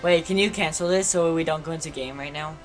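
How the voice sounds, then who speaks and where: A gaming channel host giving excitable live gameplay commentary, quick to get frustrated. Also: medium pitch, faint music behind.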